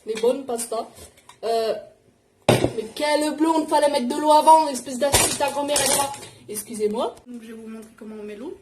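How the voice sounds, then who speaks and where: A woman with a high-sitting voice talks at a moderate pace, chatting loosely and slangily for a home cooking vlog and often cutting herself off mid-thought. She's recording in her apartment kitchen, and the noisy audio is full of clattering pots and dishes.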